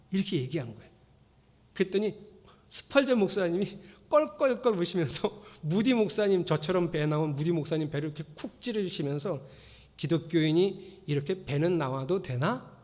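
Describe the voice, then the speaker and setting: A man preaching a sermon in a fairly high voice, telling stories with animated swings from loud exclamations to hushed asides. The sound carries a long echo from the church hall. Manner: lively storytelling, acting out quotes and prayers, swings between loud and hushed. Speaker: pastor. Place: church sanctuary.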